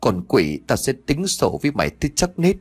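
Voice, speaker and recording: A man's voice: huge pitch swings, fairly quick, slightly rough. A man voicing a jealous, furious middle-aged wife who hurls accusations at her husband in an audio story. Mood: vengeful. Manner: shrill accusing shouts.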